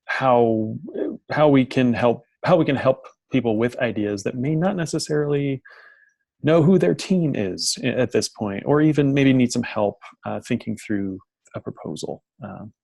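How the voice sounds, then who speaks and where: A man's voice: medium pitch, moderate pace, creaky, a little mellow, no echo. A man hosting an informal presentation on a video call while sharing his screen, often repeating and restarting his phrases. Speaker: host of an online information session.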